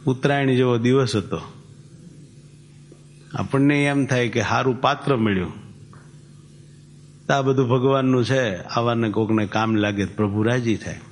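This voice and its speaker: A male preacher, speaking at a middling pitch. He talks in a storytelling way, quotes old scripture verses, and then unpacks them in a plain, folksy way. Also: fairly even intonation, normal speed, long pauses, slight background noise. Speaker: religious preacher. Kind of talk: sermon with storytelling.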